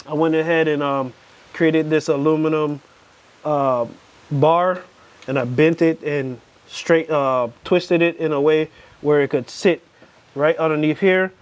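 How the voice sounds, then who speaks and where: A man's voice: a little high, clean tone, muffled recording. A man with a Crucian accent from the US Virgin Islands, rambling casually and thinking aloud as he gives commentary on his hands-on workshop build. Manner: unscripted, thinking aloud while working. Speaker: DIY vehicle builder making videos.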